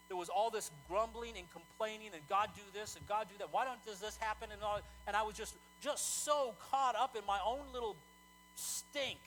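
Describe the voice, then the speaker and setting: A male pastor preaching a sermon in a conversational, animated way, often repeating words as he talks. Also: sits high, poor audio.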